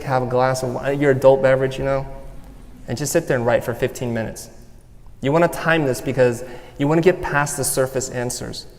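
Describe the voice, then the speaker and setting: A man speaks from a stage in an earnest, personal way, walking listeners step by step through an exercise. His voice sits at an ordinary middle pitch. A long reverb from the hall hangs after each phrase. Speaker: speaker giving a talk. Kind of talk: motivational talk.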